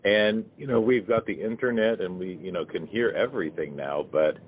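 A man's voice: lowish voice, normal speed, dull audio, slight background noise. A man interviewing a guest in a friendly, curious way. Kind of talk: casual interview chat.

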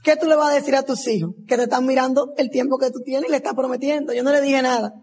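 A woman's voice: sits high, steady tone, fast talker, darkish tone, slight background noise. A woman, giving a motivational testimonial as a convention speaker and acting out the dialogue of her story.

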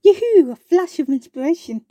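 A small, thoughtful bumble wasp, put on by a woman reading a storybook, slow and hesitant, her voice lifted a little higher than the narration. She muses aloud and stammers now and then, in a mellow, dry close-up sound. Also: dry recording, highs cut off. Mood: dreamy. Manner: hesitant, dreamy, stammering at times.

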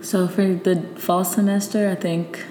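A woman's voice: on the low side, little pitch movement, unhurried. A young woman co-hosting a podcast, chatting casually with slang, recorded in an apartment kitchen. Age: young adult. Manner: informal, slangy. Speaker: podcast co-host. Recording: echoey room, clear ambient noise.

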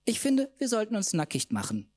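A man's voice: high-pitched, wildly swooping pitch, a little fast, darkish tone, no room sound, voice pushed up, full character voice. A man voicing a boisterous, tipsy female drag queen friend, squealing and cheeky.

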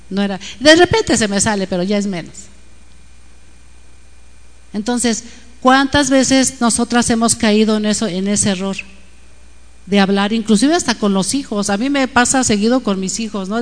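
A woman's voice: medium pitch, in a large hall. A woman with a Mexican accent giving an informal, confiding devotional talk to women, often checking in with "¿no?". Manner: chatty, confiding, frequent tag questions. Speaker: women's Bible teacher.

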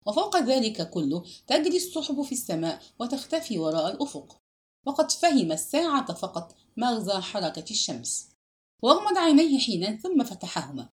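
Woman, audiobook narrator, literary novel, expressive, lively pitch, measured reading.

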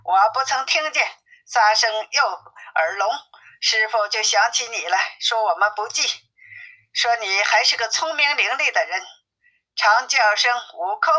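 A greedy male pig monk who begs and wheedles in a storybook tale, as a woman narrator puts him on. His voice is fairly high and sharp. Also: a little slow, low-quality recording. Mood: pleading. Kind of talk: audiobook story reading.

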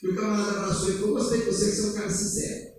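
Animated pastor in an echoey church. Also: male voice, racing, far from the mic, a little hiss or hum. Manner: animated, swings from loud urging to low asides. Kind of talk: sermon. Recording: echoey church hall, heard from afar.

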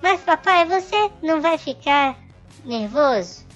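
A timid little boy pleads in a very high, whiny voice, as a woman puts him on. He hesitates and drags his words slowly in a comedy sketch. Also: expressive, fairly bright tone, muffled recording, faint music behind. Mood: pleading.

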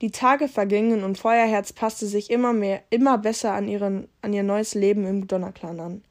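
A woman's voice: medium pitch, fairly even intonation, moderate pace. A woman casually reading a story aloud and commenting on it, often stumbling and correcting herself. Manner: reads with slips and self-corrections. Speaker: podcast host reading a story.

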